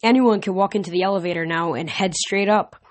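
A woman reading the lines of a worried young male demigod camper in a storybook reading, in her own low-pitched voice. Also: quick pace, lightly acted.

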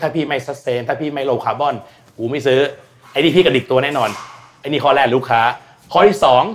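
A man talking as a guest expert on energy and climate in casual, blunt, slangy speech, acting out quoted voices. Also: mid-range voice. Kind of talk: casual explanatory talk.

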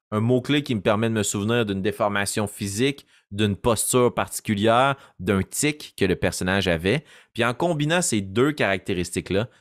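A man's voice: lowish voice, dry recording, clean studio sound. A man, a game master giving a casual tutorial on creating character voices and demonstrating as he goes. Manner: animated, demonstrates voices as he explains. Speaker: game master teaching voice acting.

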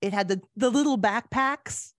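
Her voice is fairly high and moderately paced, carrying a Canadian accent. As a podcast host, she keeps the interview with her guest loose and conversational.

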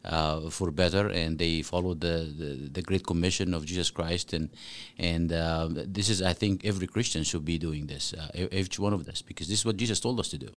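Male guest, deep voice, earnest and halting, podcast interview. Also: steady tone. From Egypt. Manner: earnest, many fillers and restarts. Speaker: guest author.

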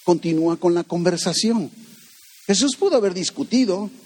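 A man's voice: high-pitched, animated, moderate pace, a little mellow, breathy edge. A man preaching a conversational sermon, asking rhetorical questions and acting out the voices he quotes. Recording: long hall reverb.

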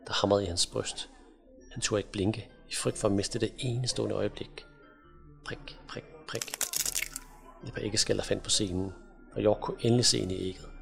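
A man reads a children's fantasy novel aloud in a measured, dramatic way. His voice sits low with a gravelly, fry-laced texture. Soft music plays faintly behind him. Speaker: audiobook narrator. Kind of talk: scripted fantasy narration.

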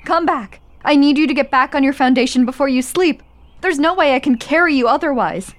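A woman's voice: high-pitched, fairly quick, lightly acted. A woman playing a jittery, sarcastic kid in an audio drama, flustered and defensive. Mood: frantic, commanding. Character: jittery, evasive, sarcastic kid called Tink.

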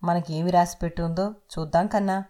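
A woman voicing a young pregnant wife who speaks softly and with restraint. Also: on the low side, steady tone, fairly quick, natural voice. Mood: restrained. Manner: soft, restrained.

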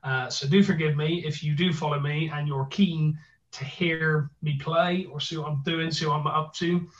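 A man with a gruff voice and a Bristolian accent, co-hosting a podcast in a jokey, playful, casual way. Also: fairly high pitch, fairly even intonation, normal speed. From Bristol, England. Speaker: podcast co-host. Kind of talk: casual chat, plugging and bantering. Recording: roomy echo, distant mic, slightly dull.

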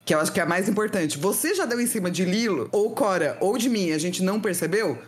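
A woman's voice: medium pitch, lively intonation, fast talker. A woman co-hosting a podcast, playful and teasing, often laughing. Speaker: podcast co-host. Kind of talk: casual chat.

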